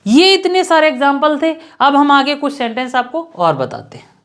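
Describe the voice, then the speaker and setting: A woman teaching English grammar in Hindi, slowly repeating example sentences word by word. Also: high voice, lively intonation, fairly bright tone. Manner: slow, repetitive, spells out example sentences word by word.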